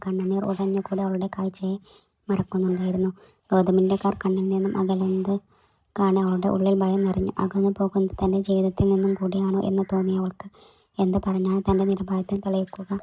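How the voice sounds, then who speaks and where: A woman narrating a romantic story in a soft, steady reading voice. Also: mid-range voice, slight background noise.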